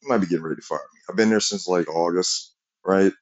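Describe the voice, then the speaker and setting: A man's voice: deep voice, fast talker, highs cut off. A man telling a rambling, profane story about work in a casual rant.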